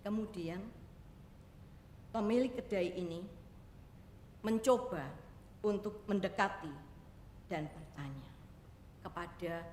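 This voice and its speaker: A woman's voice: on the low side, takes it slowly, long pauses, a little mellow. Woman preaching in an echoey hall. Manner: addresses congregation often, voices characters in quotes. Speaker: evangelist preacher. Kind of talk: sermon storytelling. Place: church hall. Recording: echoey church hall with faint noise.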